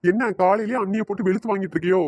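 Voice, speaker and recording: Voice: mid-range voice, steady tone, racing, darkish tone, natural voice. A performer voicing a teasing, cajoling idle young man in a cartoon. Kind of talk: cartoon voice acting.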